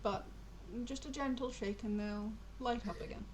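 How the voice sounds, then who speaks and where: A woman's voice: fairly high pitch, normal speed, a little hiss or hum, lightly acted, poor audio. Woman voicing a kindly fussing innkeeper. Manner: warm and fussing, apologetic. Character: kindly, gentle male innkeeper, easily charmed. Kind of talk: tabletop role-play voicing.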